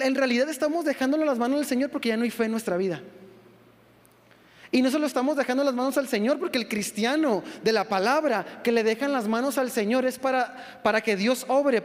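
A pastor in his thirties with a Mexican Spanish accent preaches in a very high voice. He delivers a lively sermon, acting out voices with humor. His words ring out with a long reverb, as if in a church hall.

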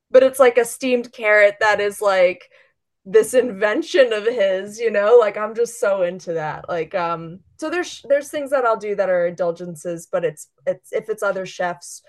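A woman chef as a guest, chatting casually and enthusiastically, filling her talk with "like". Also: lowish voice. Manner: chatty, fillers of "like" throughout; enthusiastic, gushing. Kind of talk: casual interview chat.

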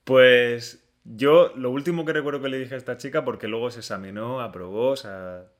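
A man in a casual conversation, relaxed, often putting in brief agreeing murmurs. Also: mid-range voice, normal speed.

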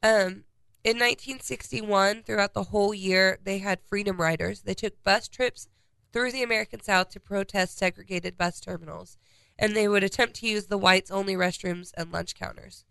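A woman's voice: medium pitch, fairly even intonation, moderate pace, creaky, fairly bright tone, clean tone, no room sound. A congested woman co-hosting a casual podcast, reading out a timeline of historical dates. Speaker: podcast co-host.

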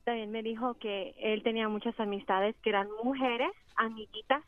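A woman's voice: fairly high pitch, steady tone, moderate pace, dry recording. Middle-aged woman calling a radio show by phone. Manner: radio show caller, hesitant and pleading. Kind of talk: personal call-in conversation. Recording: narrow tinny phone line.

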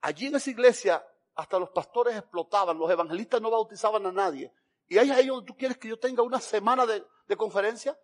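A man from Cuba, preaching a sermon as an evangelist, telling his story dramatically with sudden swings between loud and hushed delivery. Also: high-pitched, quick pace.

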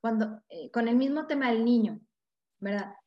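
A woman's voice: on the high side, normal speed. A woman, a guest expert explaining parenting in an interview, who acts out the voices of parents and children. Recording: echoey, dull lo-fi sound.

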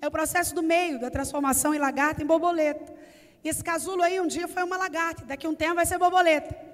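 A patient, gentle father, as a Brazilian woman preacher puts him on, speaking calmly to his child. The voice stays high, and it echoes around a church hall. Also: quick pace. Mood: explaining. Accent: Brazilian Portuguese. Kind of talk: sermon.

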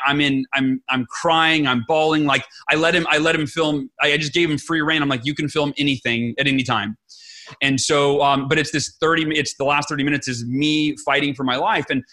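A man's voice: fairly high pitch, bright, forceful tone. A middle-aged man, an interview guest, telling a personal story with enthusiasm and often quoting what others said. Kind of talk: animated storytelling in conversation.

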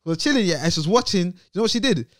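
A young man with a London roadman accent hosts casual banter in a slightly high, lively voice that swings widely. He rants in thick street slang with exasperation, recorded dry and close. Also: racing, no room sound. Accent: London, urban roadman slang. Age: young adult. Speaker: podcast host.

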